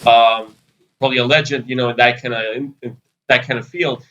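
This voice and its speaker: A man's voice: mid-range voice, steady tone, fairly quick, a bit bright, dull audio. A man in his thirties from Israel, answering interview questions in a loose, rambling way full of fillers. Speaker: podcast guest, PR agency founder.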